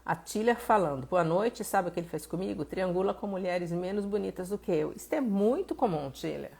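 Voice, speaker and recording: A Brazilian woman therapist talking casually on a live stream, reading out viewers' messages and answering them with animated, acted-out exclamations. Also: on the low side, fairly quick, gravelly, breathy edge. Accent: Brazilian Portuguese. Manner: animated, conversational, reads viewer messages aloud and acts out exclamations.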